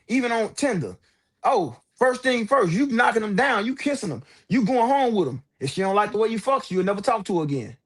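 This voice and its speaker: A man with a notably high voice talks straight to his viewers over livestream headset audio. His delivery is loose, slangy and fired up, with the unpolished feel of a home stream. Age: adult with several children. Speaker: livestream host. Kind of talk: casual livestream talk.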